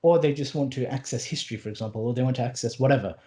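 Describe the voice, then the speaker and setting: Racing along in a warm, medium-pitched voice, a man in his late twenties who teaches Arabic chats as a podcast guest. He is casual and earnest, with lots of restarts and fillers plus a few wry asides, in a conversational interview.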